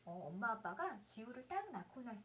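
A mother in her thirties reads a children's story aloud at a brisk pace, questioning her child in an expressive, sing-song, explanatory way. Her voice is fairly high, and the highs are cut off. Faint room noise sits behind her.

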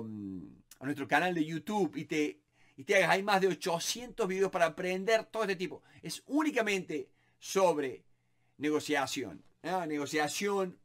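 Animated Rioplatense man teaching, high voice. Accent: Rioplatense Spanish. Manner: animated, repeats words while thinking aloud. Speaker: negotiation instructor. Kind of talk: casual teaching monologue.

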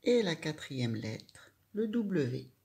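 A woman's voice: sits low, sing-song, takes it slowly, vocal fry, warm tone. A woman teaching a child handwriting, giving patient step-by-step instructions.

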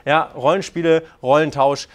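A man giving casual dating advice, animated and crude, acting out quoted lines and joking frankly. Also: fairly high pitch, moderate pace. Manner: animated, acts out quoted lines in put-on voices. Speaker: dating coach. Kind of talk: casual coaching talk.

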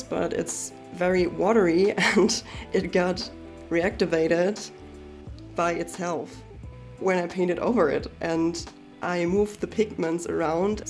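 A woman with a cold and a nasal voice, narrating her painting vlog in a relaxed, candid, chatty way. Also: on the low side, vocal fry. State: has a cold. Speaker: art vlogger. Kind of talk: casual voice-over narration.

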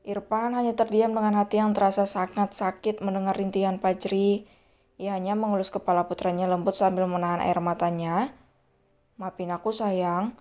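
A woman's voice: medium pitch, little pitch movement, a little fast, a little mellow. A woman narrating an audio novel, reading every character in much the same voice. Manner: reads all characters in one voice. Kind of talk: scripted story narration.

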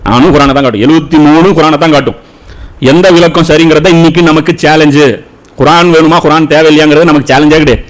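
A man's voice: a little high, fairly even intonation, fast talker, poor audio. A man giving an argumentative Islamic lecture, asking rhetorical questions and slipping English words into his speech. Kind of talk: religious lecture.

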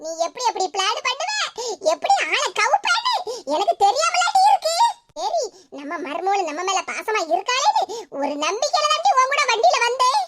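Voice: very high-pitched, wildly swooping pitch, moderate pace, heavily acted. A performer voicing a quarrelsome older village mother-in-law with a Tirunelveli Tamil accent, wailing and scolding in a cartoon. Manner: wailing, scolding, dramatic complaints. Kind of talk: cartoon voice acting. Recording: loud background hiss.

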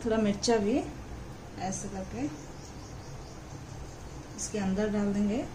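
A woman's voice: mid-range voice, slow pace, noisy background. A woman hosting a cooking channel, explaining each step of a recipe to viewers from her home kitchen. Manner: explains steps plainly, addresses viewers directly.

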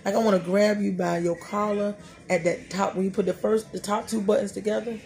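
Gravelly and mid-range, this woman's voice moves fairly quickly over a slight hiss or hum. She's in her thirties, hosting an informal faith podcast with animated, preachy energy, talking to herself and laughing in asides. She sits in a small indoor room before a dark curtain.

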